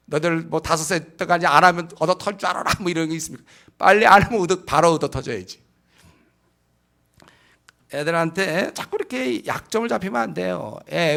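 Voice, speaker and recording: A male pastor delivers a practical sermon to his congregation. His voice sits a little high for a man and has a gravelly edge. He is emphatic and keeps putting rhetorical questions to his listeners. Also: a bit bright. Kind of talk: sermon lecture on child-rearing.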